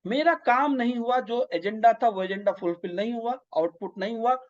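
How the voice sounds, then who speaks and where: A man from north India with an eastern Hindi-belt accent teaches an online exam-prep lecture in a very high voice at a moderate pace. He explains with everyday examples and often checks in with his listeners. The audio is slightly dull and lo-fi.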